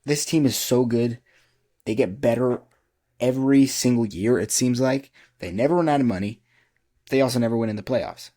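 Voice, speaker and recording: A man's voice: medium pitch, moderate pace, mellow. A man hosting a casual baseball podcast, joking as he rattles off player names. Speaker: podcast host. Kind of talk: casual sports podcast chat.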